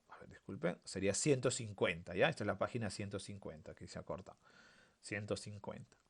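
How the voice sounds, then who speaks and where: A man's voice: lowish voice, vocal fry. A man teaching a primary school grammar lesson online. He asks the class questions and then answers them himself.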